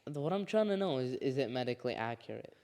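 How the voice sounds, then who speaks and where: A man's voice: medium pitch, expressive, quick pace, mellow. Young man, curious questioner. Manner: short reactive replies and curious questions. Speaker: podcast co-host. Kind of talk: casual chat.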